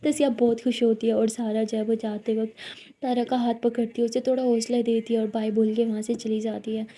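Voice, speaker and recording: A woman's voice: a little high, level tone, a little fast, mellow. A woman storyteller narrating a love story in a casual, conversational way.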